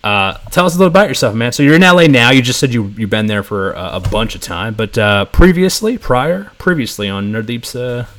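A man's voice: medium pitch, animated, brisk, few pauses, a bit bright. A man hosting a casual podcast interview over a video call, joking and laughing often. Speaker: podcast host.

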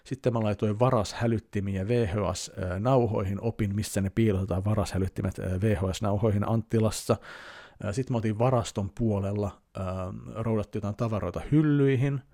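A man's voice: fairly low pitch, fairly even intonation, mellow, no echo, clean studio sound. A man in his thirties, a podcast host answering listener questions in casual chat, rambling and hesitant with many fillers.

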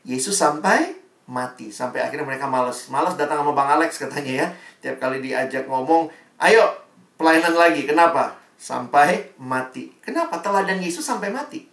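A man preaching a sermon to young people, animated and acting out the voices he quotes. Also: medium pitch, a little fast. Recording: echoey room, distant mic.

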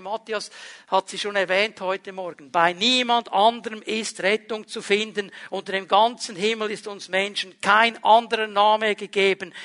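A male pastor delivering a sermon with a high-pitched voice. His tone is bright and forceful. He preaches emphatically, then drops to hushed, intense stretches. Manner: emphatic preaching, dropping to quiet intense moments.

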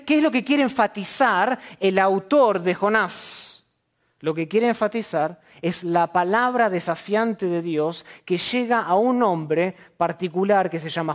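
A man, a church elder, preaching an expository sermon to a congregation, asking questions and answering them himself. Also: high-pitched. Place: church service.

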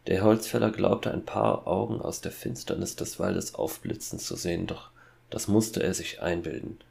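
A man giving measured, dark scripted narration of a horror fairy tale. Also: deep voice, creaky.

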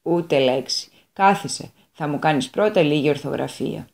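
Woman doing a stern old god, low and curt. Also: darkish tone.

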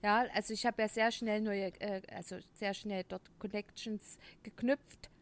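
A woman's voice: medium pitch, steady tone, moderate pace, clean tone. A woman in her thirties co-hosting a podcast, chatting casually in blunt slang. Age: 30s. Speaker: podcast co-host.

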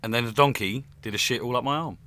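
A man's voice: medium pitch, quick pace, over loud music. A man hosting a casual comic chat, with a blokey, teasing manner. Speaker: podcast host.

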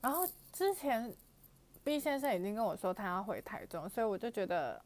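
A woman's voice: medium pitch, very animated, a little fast, darkish tone. A young woman with a Taiwanese Mandarin accent, animatedly retelling a personal story for her vlog with frequent fillers and exclamations. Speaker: vlogger. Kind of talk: storytelling to camera.

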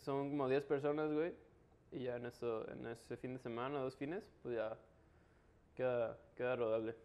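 A man speaks casual Mexican Spanish at a middling pitch. He explains things colloquially, with plenty of street slang, as in a relaxed conversation. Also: moderate pace, clear, resonant tone. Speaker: interview guest, local trail biker.

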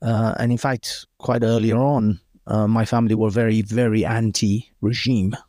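A man answers a host's questions in a relaxed interview. His voice sits fairly low and sounds close and dry. He speaks thoughtfully and often pauses on ums before he corrects himself. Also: no room sound. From born in Iran, raised in Britain. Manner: thoughtful, hesitant, with frequent ums and self-corrections. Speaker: podcast guest.

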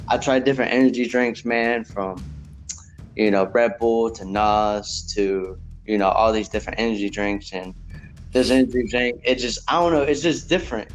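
A man co-hosting a casual podcast, talking in an easygoing, drawn-out way with many fillers. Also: medium pitch. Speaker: podcast co-host.

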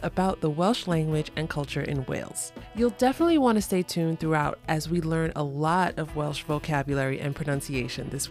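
A woman with a deep, darkish voice hosts a language podcast. She reads her scripted introduction in an upbeat, clearly spoken way before beginning the interview.

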